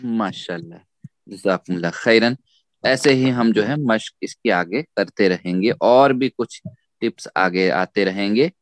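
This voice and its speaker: A man teaching Quran recitation in a slow, patient way, repeating sounds syllable by syllable for students to echo. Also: fairly low pitch. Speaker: tajweed teacher.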